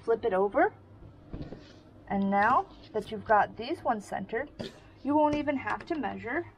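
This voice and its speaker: A woman with a slightly high voice walks through a sewing project in a casual tutorial. She takes her time, explaining each step as she works with her hands. A faint hum of noise sits under her voice. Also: expressive, measured pace, low-quality recording. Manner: friendly step-by-step demonstrating while working. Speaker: sewing instructor.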